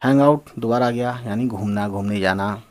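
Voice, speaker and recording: A man's voice: lowish voice, normal speed. A man teaching English slang words, spelling them out and repeating them in a casual explanatory lesson. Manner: spells words out and repeats phrases, addresses viewers as friends.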